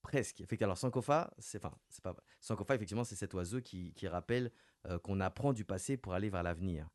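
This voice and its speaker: A man with a lowish voice hosts a radio show, recorded close and dry in a studio. He quizzes his guest playfully and punches out each clue with rising emphasis. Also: quick pace, no echo. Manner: lively, playful, announces clues with rising emphasis. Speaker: radio host. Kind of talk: radio interview with a quiz game.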